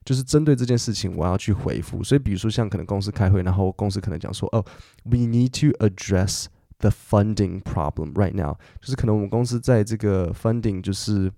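A middle-aged man teaches English on a podcast, taking each point slowly with fillers and small self-corrections. His voice is low, gravelly and mellow. The sound is dry and close to the mic. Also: no room sound. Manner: patient and explanatory, with frequent fillers and self-corrections. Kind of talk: podcast language lesson, explaining in detail.

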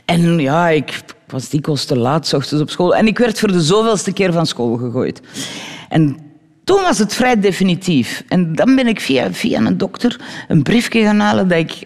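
A Flemish woman, a guest actress in a radio interview, telling animated anecdotes and acting out the voices of people in them. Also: lowish voice, normal speed, long reverb tail. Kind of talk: lively storytelling in a radio interview.

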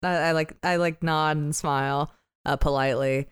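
A woman chatting casually as a player in a tabletop role-playing game, hesitant yet animated. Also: low voice, normal speed, smooth, no echo, studio quality. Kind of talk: casual improvised role-play chat.

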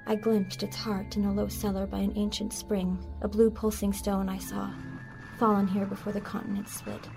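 A woman narrating a horror story in a hushed voice that often drops to a whisper. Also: medium pitch, little pitch movement, normal speed, gravelly. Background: music.

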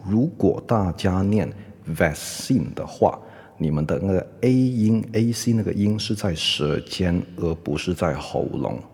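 A man hosting a casual podcast lesson on English pronunciation, mixing Chinese with English fillers and slowly repeating words to model them. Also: low voice, expressive, gravelly, darkish tone, breathy edge, big-room sound.

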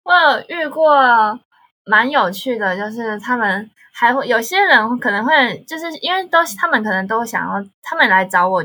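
A young woman with a Taiwanese accent, casually telling stories in conversation in an animated way. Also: on the high side, breathy edge. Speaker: guest, language tutor.

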